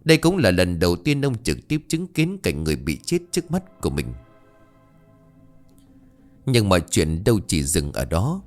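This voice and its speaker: A man narrating a ghost story in an expressive, dramatic way. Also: low voice, moderate pace, long pauses, faint music behind.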